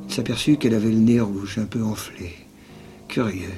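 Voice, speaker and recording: A man reading a novel on the radio. His narration keeps sinking into a low whisper. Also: moderate pace. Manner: narration dropping often to a low whisper, jealous outbursts in dialogue. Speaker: actor reading a novel aloud. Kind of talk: dramatized literary reading on radio. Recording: archival radio broadcast with music behind.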